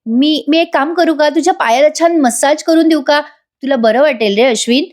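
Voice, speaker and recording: Woman voicing a begging young wife, raised pitch. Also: moderate pace, a little mellow, close to an everyday voice. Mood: pleading. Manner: begging, wheedling. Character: pleading young wife caught lying.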